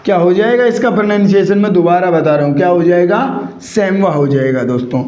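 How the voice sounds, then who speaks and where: Speaking quickly in a rather high-pitched, darkish voice, a man lectures his class on English grammar. He repeatedly poses rhetorical questions and restates the answers to drill each point, heard through a muffled, echoey recording.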